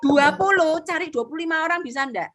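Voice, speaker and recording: A woman's voice: sits high, fairly quick, faint music behind. A middle-aged woman, an insurance agency leader giving a motivational sharing talk, acting out quotes and mixing in English words. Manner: lively storyteller, acts out quotes, mixes in English.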